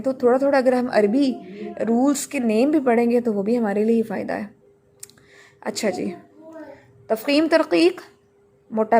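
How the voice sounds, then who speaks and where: A woman's voice: a little high, darkish tone. A woman teaching tajweed in a recorded lesson, explaining patiently and drawing out words to model them.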